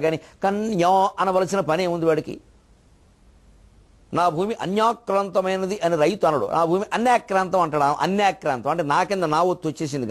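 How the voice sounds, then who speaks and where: A man giving a devotional discourse as a spiritual lecturer, explaining the meanings of words in a teacherly manner. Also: a little high. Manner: teacherly, explains word meanings, chants verses slowly.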